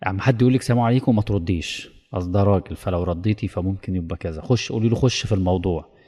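Man, Egyptian accent, preacher, rapid delivery, warm dark tone, long reverb. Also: low voice, husky. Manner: lively storytelling that acts out dialogues. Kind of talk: religious lesson.

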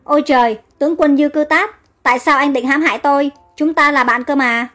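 A woman voicing a lively young heroine queen who teases and banters. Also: high voice. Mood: frightened. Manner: teasing, bright and quick.

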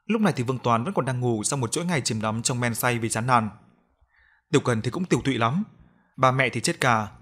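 A man giving a steady, scripted narration of a ghost story. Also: mid-range voice, fairly quick.

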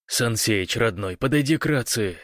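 Guy doing a desperate dude yelling orders on the radio, loud and commanding, dry sound. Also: mid-range voice, animated, normal speed, no room sound, lightly acted. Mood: pleading. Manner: shouting, commanding.

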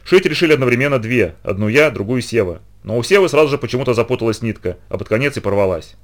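A man reading a first-person story aloud, with expressive storytelling. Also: mid-range voice, fast talker. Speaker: narrator.

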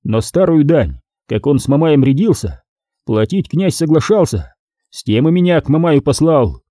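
A man's voice: a little high, big pitch swings, normal speed, dark tone, no room sound, clean studio sound. A man doing a stubborn, grim medieval envoy. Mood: grave. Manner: stubborn, grave.

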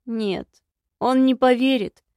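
A woman voicing a secretive, grumbling male imp in an audiobook, speaking slowly and gruffly. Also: fairly high pitch, a little mellow, no room sound, studio quality. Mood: glum.

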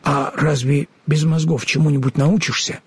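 Man doing a naive straw scarecrow, stammering, mixes up words, high lively voice, husky, audiobook. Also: moderate pace, no room sound. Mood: trusting. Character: kind, naive talking scarecrow stuffed with straw. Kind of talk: audiobook character voice.

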